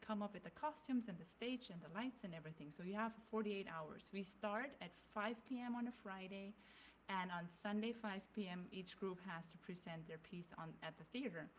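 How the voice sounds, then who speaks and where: Speaking at a moderate pace in a mid-range voice, this German-accented woman co-hosts a podcast and keeps things casual. Her thoughts come out with frequent restarts and fillers as she figures them out. It's a low-quality recording with a bit of background noise.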